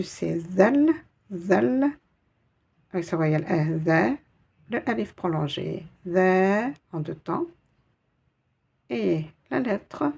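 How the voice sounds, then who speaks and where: Patient, gravelly woman teaching slow reading. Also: lowish voice, a little mellow. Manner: patient, encouraging, spells letters one by one. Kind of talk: slow step-by-step reading lesson.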